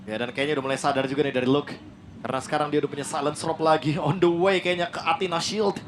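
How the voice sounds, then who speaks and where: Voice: mid-range voice, steady tone, fast, noisy background. An esports analyst with an Indonesian accent giving live commentary that breaks down the match. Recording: loud music under the voice. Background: loud music.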